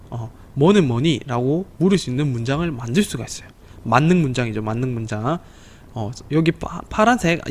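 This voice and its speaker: A man teaching a slow, patient online English lesson to children, repeating words and pausing with fillers. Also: fairly high pitch.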